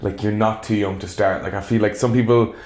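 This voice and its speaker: A man's voice: fairly low pitch, steady tone, a little fast, a little mellow. A man with a west of Ireland accent, chatting casually as an interviewer. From Galway, Ireland. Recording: roomy, echoing sound.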